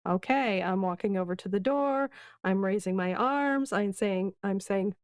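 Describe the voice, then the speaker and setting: A woman's voice: medium pitch, unhurried, no echo. A woman playing a tabletop game for the first time, curious and full of questions. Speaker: new player.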